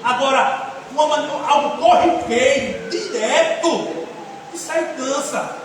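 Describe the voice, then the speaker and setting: A male pastor giving a sermon in a folksy, joking, animated way, recorded from a distance in a church hall. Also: extremely high pitch, unhurried. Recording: echoey hall from far off, faint noise.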